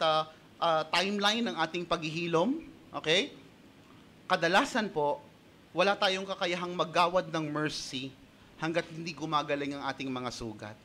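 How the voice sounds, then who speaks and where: A Filipino-accented male pastor delivers an animated sermon in a notably high, ringing voice. He moves easily between Tagalog and English, stressing points and tossing rhetorical questions to the congregation. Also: slight background noise. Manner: animated and emphatic, punctuating points with rhetorical "Okay?"; switches between Tagalog and English mid-sentence.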